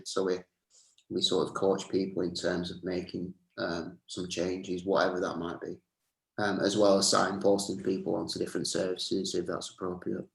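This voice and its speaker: A man's voice: sits low, gravelly. A man, a health trainer giving easygoing advice over a video call, with plenty of "um" fillers. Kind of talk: casual advice chat. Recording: roomy echo.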